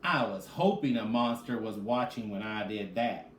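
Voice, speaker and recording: A lowish, slightly bright male voice at normal speed belongs to a reading teacher leading children through a read-aloud lesson. He speaks straight to the kids and answers his own questions, and the room is echoey with faint noise in the background.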